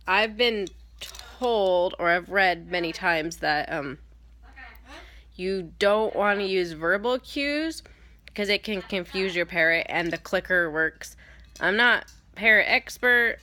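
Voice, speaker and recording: A woman with a cold, her voice stuffed-up, fairly low, bright and forceful, gives a casual how-to demonstration of training her parrot. She rambles, with many ums and self-corrections.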